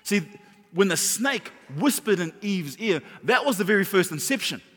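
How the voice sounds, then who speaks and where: A middle-aged man preaching a sermon as pastor, emphatic, repeating words and dropping into soft whispers. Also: high-pitched, lively intonation, moderate pace, slightly rough. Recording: long hall reverb.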